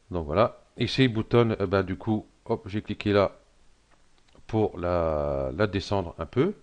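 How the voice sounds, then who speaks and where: Middle-aged man, very low voice, hesitant screen-tutorial walkthrough, slightly hoarse throat. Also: a little mellow. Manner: hesitant, thinking aloud with many fillers. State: frog in his throat. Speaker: tutorial presenter. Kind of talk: screen-recorded software tutorial.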